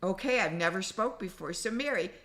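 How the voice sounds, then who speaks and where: Bright, chatty woman host. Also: mid-range voice, lively intonation, brisk. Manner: chatty, enthusiastic. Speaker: conference host. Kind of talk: casual chat.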